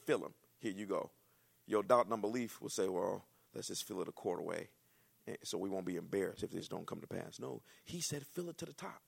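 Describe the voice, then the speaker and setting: A male pastor preaching a sermon, acting out dialogue and climbing to shouts. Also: fairly low pitch, gravelly, breathy edge. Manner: animated preaching, acts out dialogue, rises to shouts.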